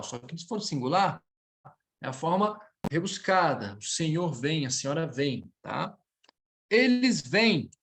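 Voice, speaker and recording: A man with a Brazilian Portuguese accent teaching French in an online lesson, drilling words slowly and checking in often with his students. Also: a little high.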